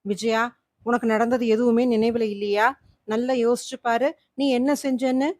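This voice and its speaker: A woman's voice: on the high side, steady tone, moderate pace, darkish tone, no room sound, studio quality, lightly acted. Worried pleading husband, read by a woman. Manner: anxious, pleading.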